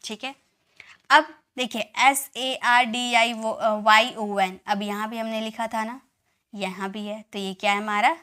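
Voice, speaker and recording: A woman's voice: on the high side, fairly even intonation, measured pace, pushed and bright, clear, resonant tone. A woman teaching English reading online, patiently spelling words letter by letter and answering her own questions.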